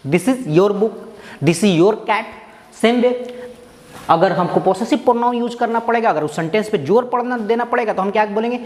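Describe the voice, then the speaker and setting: A man teaching English grammar in a recorded lesson. He asks the viewer questions, answers them himself, and reads example sentences slowly. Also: high voice, a little mellow. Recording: echoey room with a long reverb tail.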